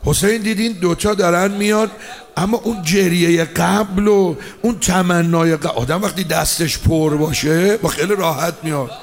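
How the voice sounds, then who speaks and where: A high-voiced man preaching a mourning sermon with fervour. He moves between spoken storytelling and chanted lament, pushing his voice up when he cries out. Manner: impassioned, swings between speaking and chanted lament.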